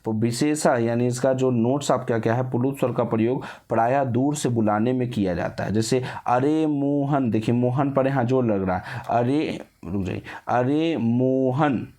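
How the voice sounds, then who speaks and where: This medium-pitched male teacher runs an exam-prep session with a dark tone, firing off questions only to supply the answers on his own. To show how long vowels are, he stretches them out slowly.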